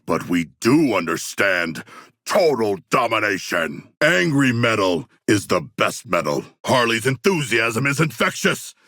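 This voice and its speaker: A huge, proud shark man for a video game. The voice is low and forceful, with animated swings in pitch. He is earnest and ferocious, and speaks in stiffly formal, precise phrases. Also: measured pace, dry recording, clean studio sound, exaggerated voice. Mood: solemn, formal. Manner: formal, stilted, precise diction with grandiose phrasing. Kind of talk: video game character voice lines.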